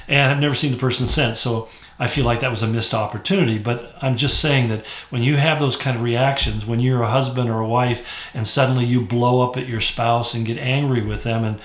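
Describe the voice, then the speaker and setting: Male pastor, mid-range voice, relaxed devotional teaching, slight room echo. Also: mid-range voice. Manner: conversational, with fillers and restarts.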